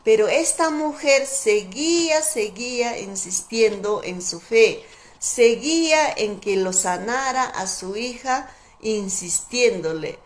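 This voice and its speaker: A woman preaching a sermon in a slow, emphatic, fervent way, repeating her key words. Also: on the high side, lively intonation.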